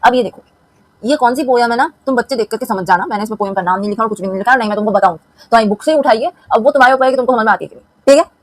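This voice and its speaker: Woman, Indian teacher, Hindi-speaking accent, fast, chatty explaining, checks understanding, dry close sound. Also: on the high side, dry recording, poor audio. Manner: chatty, keeps asking if students follow. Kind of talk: explaining a lesson.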